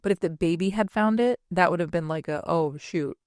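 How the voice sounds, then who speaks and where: A woman's voice: on the low side, fast, darkish tone, clear, resonant tone, no echo. Chatty woman co-host, dry sound. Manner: chatty, peppered with "like". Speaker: podcast co-host. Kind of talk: casual chat.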